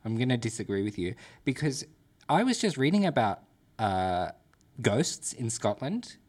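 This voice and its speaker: A man's voice: medium pitch, very animated, normal speed, darkish tone. A man co-hosting a podcast in casual chat, laid-back and jokey, with casual swearing. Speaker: podcast co-host.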